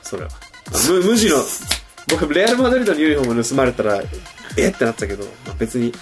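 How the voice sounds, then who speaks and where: A man's voice: fairly high pitch, quick pace, music in the background. A young male comedian co-hosting a casual podcast. He tells stories with energy and acts out the sounds in them. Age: young adult. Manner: animated storyteller, acts out sounds and hushed quotes. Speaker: comedian co-host.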